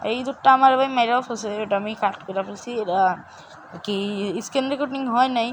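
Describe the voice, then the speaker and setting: A young woman, hoarse, giving excitable gameplay commentary for her gaming channel. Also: fairly high pitch, quick pace, slight background noise. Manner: excitable, exclaiming at each find.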